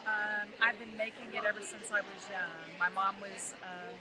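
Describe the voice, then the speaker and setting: A woman's voice: mid-range voice, little pitch movement, moderate pace, bright, forceful tone. A woman giving casual answers as an artist guest in a live interview. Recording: busy crowd behind.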